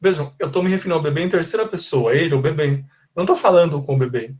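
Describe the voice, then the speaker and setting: A man's voice: fairly high pitch, rapid-fire, a little mellow. A Brazilian man who teaches English, giving a live online class. He explains patiently, repeats his points and keeps checking that his students understand. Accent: Brazilian Portuguese.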